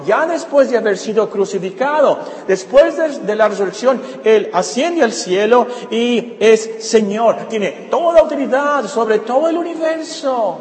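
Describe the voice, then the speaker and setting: A male pastor preaching a sermon with animated delivery, repeating phrases for emphasis. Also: very high-pitched, measured pace, few pauses. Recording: echoey hall with faint ambience.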